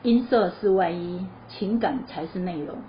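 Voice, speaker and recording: A woman teaching a choir lesson, explaining musical phrasing in a lively, chatty way and asking her listeners questions before answering them. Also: lowish voice, moderate pace. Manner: lively explanatory, sings short demo phrases. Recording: slightly dull lo-fi recording with faint noise.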